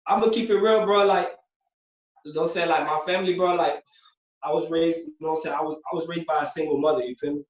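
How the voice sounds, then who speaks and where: In a relaxed interview, a young Puerto Rican former prisoner shares stories as a guest, his slightly high voice quick and steady. His style is loose and streetwise, full of "you know what I'm saying," and the sound is dull lo-fi, roomy and far off.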